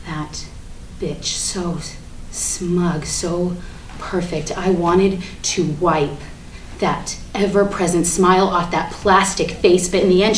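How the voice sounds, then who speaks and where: This staged-reading monologue features a woman with a lowish voice as a ranting, defiant everywoman confessing with glee that she killed Barbie. Bitterly confessional, she is sardonic and forceful, dropping to whispered confiding before erupting into outraged rants. Background noise and room echo fill the live recording.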